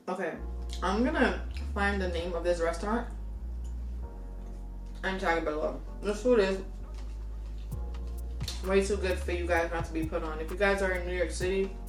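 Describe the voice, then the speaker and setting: A woman's voice: lowish voice, roomy sound, recorded from a distance. Chatty young woman eating on camera. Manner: chatty, eating while talking, addresses viewers as y'all. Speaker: food vlogger. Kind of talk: casual mukbang chat to camera.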